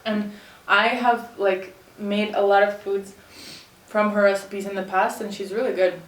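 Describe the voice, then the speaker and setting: A woman's voice: medium pitch, flat delivery, a little slow. Give me a woman chatting while eating crunchy fried chicken, roomy sound. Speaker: mukbang host. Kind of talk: casual eating-show chat. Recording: roomy echo, distant mic, faint noise.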